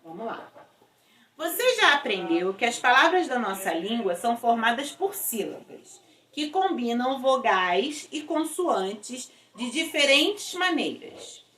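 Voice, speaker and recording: A patient woman teacher talks slowly and clearly, spelling out letters and syllables one by one. Her voice sits a little high. It sounds like a classroom recording, echoey and picked up from a distance. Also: very animated, fairly bright tone. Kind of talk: recorded school lesson. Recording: echoey room, voice away from mic.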